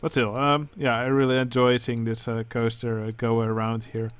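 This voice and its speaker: A man with a Dutch accent, speaking English as a second language, who hosts a channel and comments casually on game contest entries, pausing often with filler sounds. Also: mid-range voice, completely flat delivery, clear, resonant tone, dry recording. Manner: hesitant, many filler sounds. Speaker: channel host judging a building contest.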